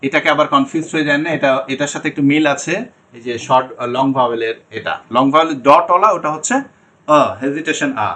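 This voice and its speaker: A man's voice: a little high, pushed and bright. A young man teaching an online English pronunciation lesson, explaining each sound and repeating it, and often checking that the class follows.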